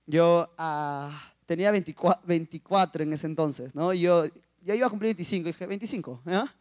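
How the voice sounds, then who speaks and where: High-voiced emotional young man. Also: moderate pace, dry recording, clean studio sound. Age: 20s. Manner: animated, emotional storytelling with acted quotes. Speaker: youth speaker. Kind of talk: emotional personal testimony. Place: school assembly.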